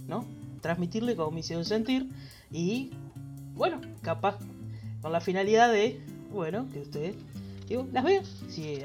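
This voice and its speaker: A Uruguayan-accented man talks through a relaxed solo podcast episode. His delivery is loose and meandering, and he keeps checking in with the listener through small tag questions. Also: sits high. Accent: Uruguayan Spanish. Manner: rambling, tags sentences with "¿no?". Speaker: podcast host. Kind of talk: casual solo podcast monologue.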